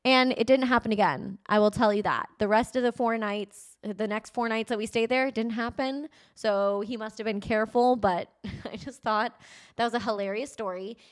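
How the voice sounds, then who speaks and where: A woman's voice: on the high side, normal speed. Chatty young woman podcast host. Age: 20s. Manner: chatty, animated, addresses listeners as "you guys". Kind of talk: casual storytelling.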